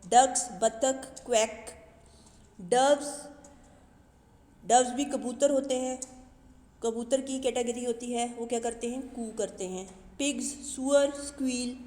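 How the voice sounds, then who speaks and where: Slow-speaking teacher woman in an echoey room. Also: on the high side, dark tone. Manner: slow, explains each word twice. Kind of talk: bilingual English lesson for young children. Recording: echoey room with long reverb.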